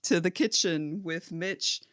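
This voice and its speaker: A woman's voice: fairly low pitch, slow, a bit bright, no echo. A woman co-hosting a casual podcast, recapping a TV episode in an easy conversational way. She laughs often and slips into the characters' lines as she retells scenes. Her voice sits dry and close to the mic. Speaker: podcast co-host.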